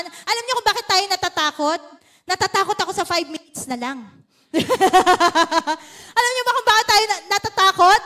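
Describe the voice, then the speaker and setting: Filipino lady pastor preaching, really high voice, chatty and teasing with the crowd. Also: fairly bright tone. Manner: conversational, playful, teasing with the congregation. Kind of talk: sermon. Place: church service.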